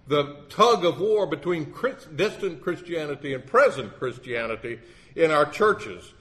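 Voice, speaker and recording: A man's voice: fairly high pitch, a bit bright. A man in his sixties with a legal background, giving a sermon in a wry, earnest storytelling manner. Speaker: lay preacher with a legal background.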